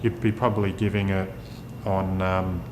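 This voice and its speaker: Male winemaker, low voice, halting sommelier tasting notes, unscripted, echoey noisy room. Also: level tone, darkish tone. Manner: descriptive tasting talk with halting pauses. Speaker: winemaker presenting his wine. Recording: echoey room, clear rumbling background noise.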